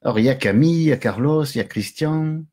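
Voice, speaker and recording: A man's voice: medium pitch, fast, dark tone. A middle-aged man hosting a casual live stream from home, chatty and jokey, greeting viewers and chuckling often.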